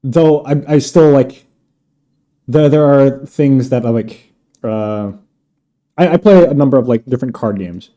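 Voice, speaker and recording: Mellow and unhurried, this man's mid-range voice is broken by long pauses. Hosting a podcast, he chats casually and rambles, filling his speech with plenty of fillers.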